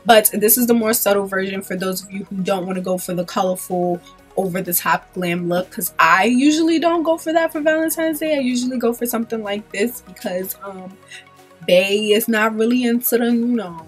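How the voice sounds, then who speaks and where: Filming in a small room against a pink backdrop, a young woman in her twenties chats her way through a makeup tutorial despite a stuffy cold, filling her loose talk with ums and likes. She speaks at a moderate pace in a mid-range voice with a breathy edge, and soft music plays in the background.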